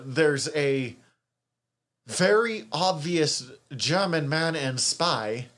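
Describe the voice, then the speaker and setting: A man's voice: a little high, a bit bright. A man co-hosting a podcast, chatting casually about a TV series, swearing freely and laughing often. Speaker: podcast co-host. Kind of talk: casual review chat.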